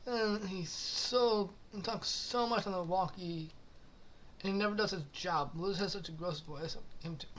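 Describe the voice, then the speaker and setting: A woman's voice: medium pitch, normal speed, a little hiss or hum. A woman hosting a casual reaction commentary on forum posts, crude and profane, laughing often and apologizing as she goes. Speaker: channel host reading forum posts.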